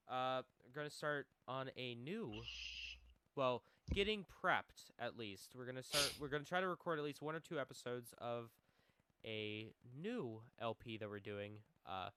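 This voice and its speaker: A man's voice: medium pitch, lively intonation, a little slow, a bit bright, clean tone, no room sound. A man co-hosting a casual gaming podcast, joking around and plugging his channels. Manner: joking, reads game blurbs aloud. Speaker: podcast co-host.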